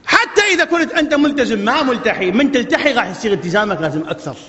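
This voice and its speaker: A man with an Iraqi Arabic accent preaching a sermon, swinging between soft pleading and loud exhortation. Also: very high-pitched, expressive, racing. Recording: lo-fi archive recording with long hall reverb.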